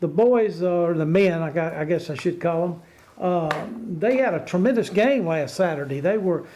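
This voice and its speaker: A man hosting a casual sports talk show in a halting, stammering way, often repeating his words. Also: on the high side, lively intonation, dark tone, slight background noise.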